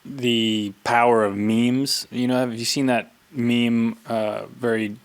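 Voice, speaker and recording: Man, podcast co-host, mid-pitched voice, casual studio chat, quick jokey interjections. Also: fairly even intonation, smooth.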